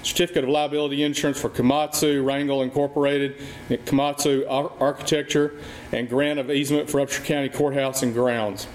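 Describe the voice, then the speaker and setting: A man chairing a formal county meeting, reading agenda items and motions in a flat, procedural manner. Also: medium pitch, fairly quick, hardly any pauses. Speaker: presiding officer of a county commissioners court. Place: indoor county meeting room. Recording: echoey meeting room with clear background noise.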